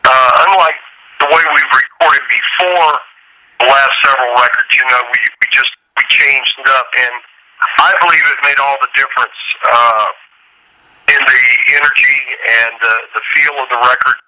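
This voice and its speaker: Man on a phone line, very bright and dry, relaxed rambling musician guest, lots of "you know". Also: medium pitch, moderate pace, dry recording. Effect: heard over a phone line. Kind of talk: casual phone interview. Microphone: telephone.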